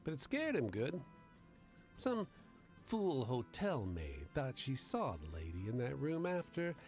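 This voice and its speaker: A man's voice: mid-range voice, wildly swooping pitch, measured pace, a little mellow, faint music behind. A man voicing a sly, folksy woman who tells a suspenseful tale in a story game. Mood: sly, teasing. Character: sly female storyteller with a secret, playful ghostly lady. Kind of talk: video game character voice.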